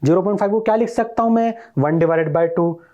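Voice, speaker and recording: A man's voice: sits high, fairly quick, dark tone, dull audio. A male math teacher giving a recorded online lesson, explaining step by step and quizzing his students as he goes.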